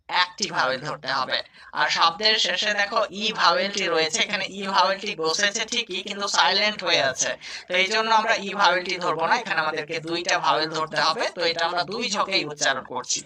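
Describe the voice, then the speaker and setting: A man teaching English reading to students, spelling out letters and repeating each word slowly. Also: high voice, pushed and bright. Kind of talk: spoken lesson, spelling out words.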